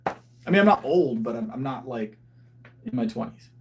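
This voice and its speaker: Here the thirty-something powerlifter speaks at a medium pitch and normal speed, sounding expressive and a little mellow. He's chatting loosely on his livestream, responding to viewer comments and frequently restarting his sentences while he works through his thoughts.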